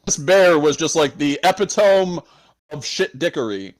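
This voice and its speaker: A man's voice: a little high, expressive, measured pace, poor audio. A man co-hosting a podcast, telling a story in loose casual chat, swearing often and laughing between lines. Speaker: podcast co-host.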